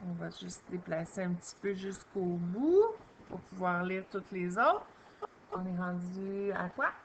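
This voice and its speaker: Slow, patient Québécois woman teacher. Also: on the low side, lively intonation, a little hiss or hum. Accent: Québécois French. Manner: slow, patient, sounds out syllables. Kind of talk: early reading lesson for young children.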